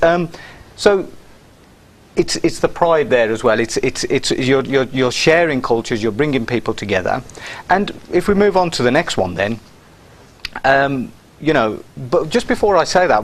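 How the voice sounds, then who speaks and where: A man's voice: medium pitch, expressive, normal speed. A man conducting a casual interview, chatty and agreeable. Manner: chatty, agreeable, many short affirmations.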